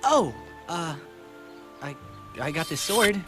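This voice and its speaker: A man voicing an awkward, goofy teenage boy in an animated series, hesitant and bumbling as he tries to seem cool. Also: on the high side, slow pace. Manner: hesitant, bumbling, self-deprecating. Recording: background music behind dialogue.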